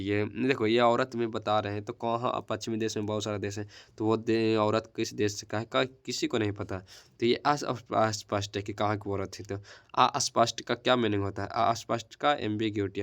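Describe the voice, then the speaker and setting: A man's voice: lowish voice, steady tone, fairly quick, creaky. A young man teaching an English poem in Hindi, drilling exam answers by chanting key terms over and over and mixing English words into his explanations. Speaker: coaching center teacher.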